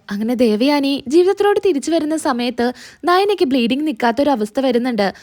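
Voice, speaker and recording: A woman's voice: sits high, a little mellow. A woman, retelling a serial's episode and voicing its lines in passing. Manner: quick retelling that voices quotes in passing. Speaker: serial recap narrator. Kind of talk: spoken story recap.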